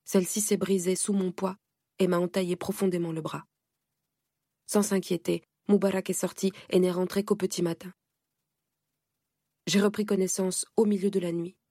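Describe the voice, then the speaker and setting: A woman narrates a first-person audiobook in a measured, steady way. Her voice is low and gravelly with a husky edge. The recording is close and dry, with no room sound. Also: no room sound.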